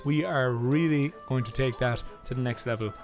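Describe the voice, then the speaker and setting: A man's voice: mid-range voice, normal speed, over music. A young man casually commenting as he plays a video game, chatty and rambling, often correcting himself mid-sentence. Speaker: let's play host.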